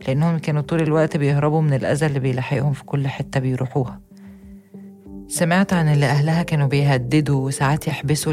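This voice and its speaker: A young woman with an Egyptian accent, giving an earnest, steady first-person account as a narrator. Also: low voice. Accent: Egyptian Arabic. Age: young adult.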